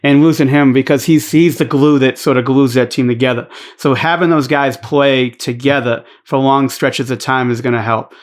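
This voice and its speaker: A man's voice: medium pitch, steady tone, normal speed, hardly any pauses. A man with a Boston accent, a podcast guest talking bluntly and emphatically, with some swearing and plenty of restarts. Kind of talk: casual podcast chat.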